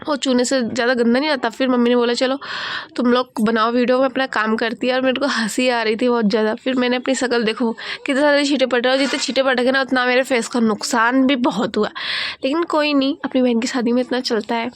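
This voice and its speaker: A young woman chatting casually in a vlog voice-over, giggly and repeating words as she talks. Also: a little high. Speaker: vlogger.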